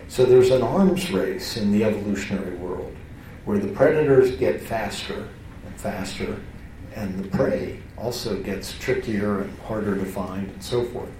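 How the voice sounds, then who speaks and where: A man gives a classroom lecture in a relaxed, conversational way, restarting sentences and adding asides as he goes. His voice sits low and warm. He is picked up from across a reverberant hall, with faint room noise behind him. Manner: conversational, self-interrupting with restarts and fillers. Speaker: teacher. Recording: roomy hall, voice from far off.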